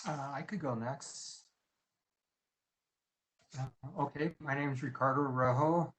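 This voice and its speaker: Middle-aged man, unhurried, halting delivery on a video call. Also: mid-range voice, fairly even intonation, a bit bright, a little hiss or hum, poor audio. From El Paso, Texas, USA. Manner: halting, frequent "uh". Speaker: engineer panelist. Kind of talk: casual self-introduction.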